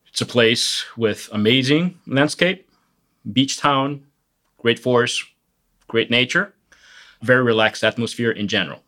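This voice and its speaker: A man's voice: on the low side, pushed and bright. A man in his forties with a Brazilian Portuguese accent, a guest economics professor answering interview questions thoughtfully, with many "uh"s and "right?"s.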